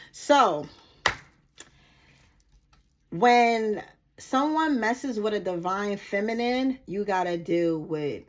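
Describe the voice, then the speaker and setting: Animated woman giving a spiritual reading. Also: fairly high pitch. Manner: animated, bursts into excited laughing and singing. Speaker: spiritual reader. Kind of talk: casual spiritual vlog talk.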